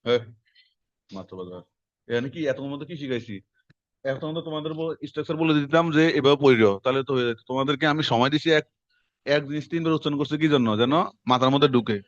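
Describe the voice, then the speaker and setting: A man, teaching a class in quick, conversational lecture style and quizzing his students as he goes. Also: mid-range voice, no echo. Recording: dull lo-fi classroom recording.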